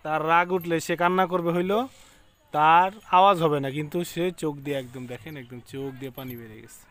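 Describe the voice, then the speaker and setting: A young man and father talking outdoors in a park, gently coaxing and soothing his crying child. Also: fairly high pitch, steady tone, fast. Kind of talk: casual family outing talk.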